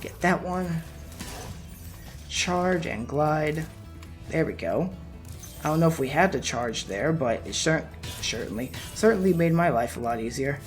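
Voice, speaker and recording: A man giving relaxed, chatty commentary while playing a video game, his voice wearing out. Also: a little high, unhurried, soft background music. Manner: relaxed, chatty, laughs at his own mistakes. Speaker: let's play gamer. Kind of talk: casual gameplay commentary.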